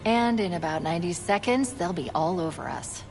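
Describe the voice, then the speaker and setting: A woman playing a cool, witty shipboard artificial intelligence in a video game, crisp and knowing. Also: on the low side, expressive, moderate pace, a little mellow, soft background music. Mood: composed, knowing. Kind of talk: video game cinematic dialogue.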